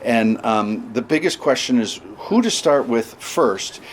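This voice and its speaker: A male podcast host leads a relaxed conversation from a sauna bench. He circles around his questions with plenty of ums and restarts. Faint background noise sits under the voice. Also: mid-range voice, unhurried. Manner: rambling, warm questions with fillers. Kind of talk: casual interview chat. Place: inside a sauna at an outdoor festival.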